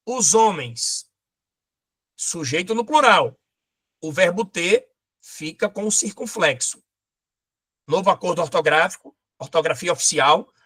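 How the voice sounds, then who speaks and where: A man teaching a lively exam-prep grammar lesson, pointing things out as he goes. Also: high voice.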